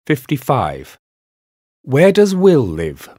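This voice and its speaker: A man narrating a listening test, reading out question numbers and questions in a plain measured way. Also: on the high side, huge pitch swings, a little mellow, no room sound, studio quality. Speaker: exam narrator.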